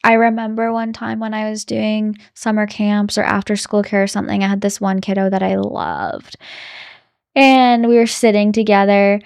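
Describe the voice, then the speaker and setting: A woman in her thirties with a creaky, gravelly edge, recorded close and dry. She co-hosts a podcast, talking softly and reflectively with many affirming murmurs. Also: medium pitch, level tone, moderate pace, no echo. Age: 30s. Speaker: podcast co-host. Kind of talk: casual chat.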